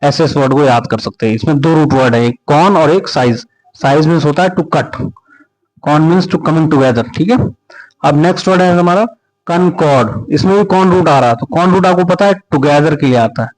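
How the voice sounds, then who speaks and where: A man's voice: on the high side, normal speed, poor audio. A man teaching exam vocabulary, mixing Hindi with words, repeating each term several times and spelling words out letter by letter. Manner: mixes Hindi explanation with English terms. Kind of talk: exam-prep vocabulary lesson.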